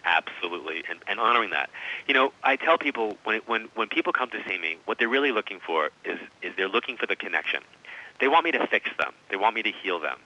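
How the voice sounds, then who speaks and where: A man in his forties speaks emphatically as an interview guest, his voice strikingly sharp and bright and sitting a bit low. The sound is dull and muffled, like an old radio feed. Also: expressive, fast talker. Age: 40s. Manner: emphatic, storytelling. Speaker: psychic medium guest. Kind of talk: interview conversation. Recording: dull radio-style audio.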